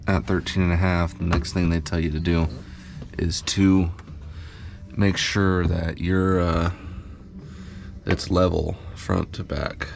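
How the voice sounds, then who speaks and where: A man's voice: sits low, gravelly. A man explaining a machine repair in a casual, subdued how-to tutorial, thinking aloud as he works in a bowling alley machine pit. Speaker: pinsetter mechanic.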